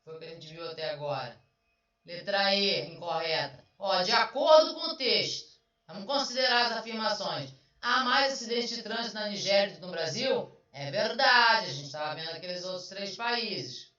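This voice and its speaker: In this online exam review lesson, a woman who teaches Portuguese talks through each answer, asking questions as she goes. She speaks at a normal pace with a medium pitch, lively intonation and a bright, eager tone, though she sounds far off and muffled in a strongly reverberant space.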